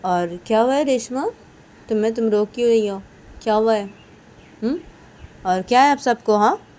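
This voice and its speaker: A woman voicing a bold, protective young woman who talks loudly and keeps firing questions. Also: a little high, normal speed, pitched above the performer's own voice, close to an everyday voice. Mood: insistent. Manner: loud, insistent, repeating questions.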